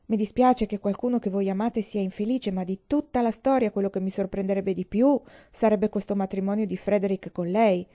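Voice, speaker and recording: A woman reading an audiobook voices a courteous young gentleman in her own measured, polite manner. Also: mid-range voice, steady tone, lightly acted. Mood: calm.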